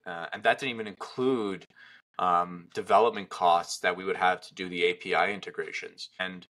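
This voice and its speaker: A man's voice: sits low, normal speed. A man hosting a podcast, telling business stories in casual chat with lots of fillers. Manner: animated, filler-heavy storytelling. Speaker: podcast host, equipment seller.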